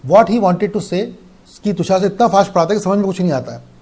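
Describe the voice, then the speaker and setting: A young man teaching law in a fast, animated online lecture that mixes in English. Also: high voice. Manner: fast-talking, animated, repetitive.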